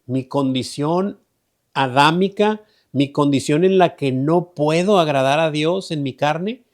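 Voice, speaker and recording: A man's voice: a little high, unhurried. A man teaching an online Bible study in a conversational way. He often repeats himself and checks in with "¿verdad?". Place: online group meeting.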